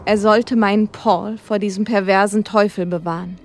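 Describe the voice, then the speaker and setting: A woman voicing a frail old man who pleads and preaches slowly and loudly in a storybook drama. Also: mid-range voice, fairly even intonation, faint music behind, lightly acted. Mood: confessing.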